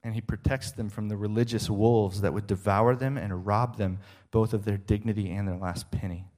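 A man's voice: fairly low pitch, steady tone, normal speed, darkish tone. Emphatic middle-aged man preaching. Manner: emphatic, rhetorical questions. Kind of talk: sermon.

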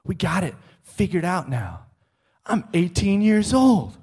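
A man's voice: sits high, big pitch swings, slow, a little mellow, slightly rough. A middle-aged man preaching a sermon, emphatic and rhetorical, often checking in with the listener.

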